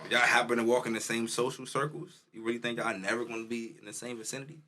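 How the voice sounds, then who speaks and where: A man's voice: mid-range voice, flat delivery, fast, sharp tone. A young man co-hosting a podcast in casual chat, teasing his friends with slang and frequent laughter. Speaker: podcast co-host.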